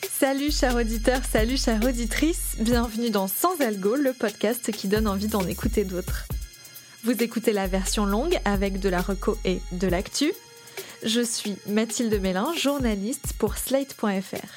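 A woman's voice: a little high, moderate pace, darkish tone, soft background music. A woman journalist hosting a podcast, reading scripted narration.

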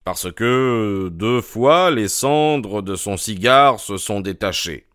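Man voicing a grave, reluctant country doctor in an audiobook; low, slow, smooth, earnest. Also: animated, a bit bright, no room sound, clean studio sound. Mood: factual. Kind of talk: audiobook character reading.

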